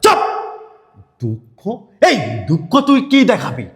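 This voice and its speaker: A man acting an angry, taunting husband in a short film, shouting and goading with repeated interjections. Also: fairly high pitch, wildly swooping pitch, takes it slowly, exaggerated voice. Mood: furious. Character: angry man posing as sweeper, the returned husband.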